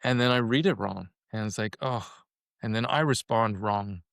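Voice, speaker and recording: A man's voice: fairly low pitch, moderate pace, gravelly, fairly bright tone, no echo, studio quality. A man in his fifties from Canada, talking reflectively as a podcast guest and often repeating a word as he starts a thought. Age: 50s. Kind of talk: casual conversation.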